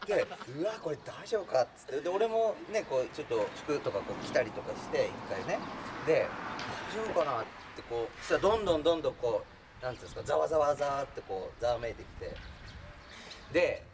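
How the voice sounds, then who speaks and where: A man's voice: medium pitch, very animated, fast. A man telling a funny true story in a casual way, acting out the voices of the people in it and laughing as he goes. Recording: distant mic with clear background noise.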